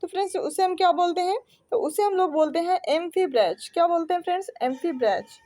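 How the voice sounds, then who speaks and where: Young Indian woman, exam tutor, very high pitch, soft dark tone, drills students with repeated questions. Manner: reads questions slowly, then explains in Hindi with repeated quiz-like questions. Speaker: English teacher. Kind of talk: exam-prep lesson.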